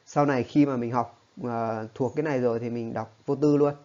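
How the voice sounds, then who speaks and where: Man, teacher, patient explaining, mid-pitched, slightly muffled recording. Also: steady tone, brisk, a little mellow. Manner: patient, explanatory, often checks in with listeners. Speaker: English teacher. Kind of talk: spoken lesson.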